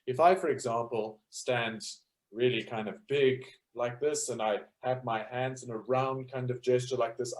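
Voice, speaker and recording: A man's voice: medium pitch, a little mellow. A man giving an informal lecture on choral music, explaining step by step with frequent fillers. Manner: explanatory, thinks aloud with fillers. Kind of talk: informal lecture with sung demonstrations.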